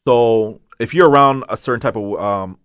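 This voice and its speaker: A man's voice: medium pitch, moderate pace, clean tone, dry recording, clean studio sound. A man hosting a casual podcast discussion, posing questions, often agreeing with "right, right" and restarting his sentences with fillers. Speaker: podcast host leading the discussion.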